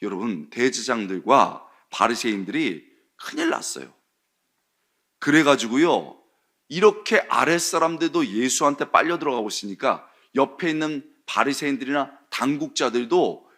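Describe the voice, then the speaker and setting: A man's voice: medium pitch, expressive, moderate pace, fairly bright tone. A male pastor and preaching professor giving a sermon, telling the story with animation and acting out the characters.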